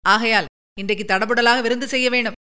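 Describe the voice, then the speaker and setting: A woman's voice: fairly high pitch, fairly even intonation, fairly quick, sharp tone. A woman reading a story, voicing a bossy middle-aged village headman giving commands. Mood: commanding.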